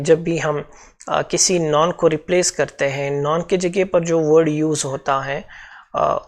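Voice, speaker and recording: A man's voice: a little high, gravelly. A man with a Pakistani accent teaching a grammar lesson for exam preparation, explaining step by step and repeating key points.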